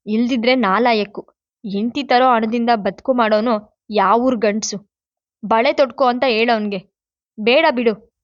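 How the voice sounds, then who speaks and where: A woman's voice: fairly high pitch, no echo, lightly acted. Woman voicing a blunt, defiant young woman. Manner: blunt and scolding. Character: sharp-tongued defiant young working woman. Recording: dull lo-fi dry recording.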